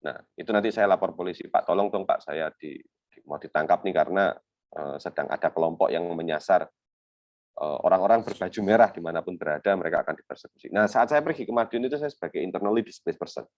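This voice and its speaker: Low-pitched and fast, a young man presents an academic webinar on refugee law, with no room sound audible. His explanations are conversational, full of fillers and invented examples. The recording is dull, lo-fi video call audio.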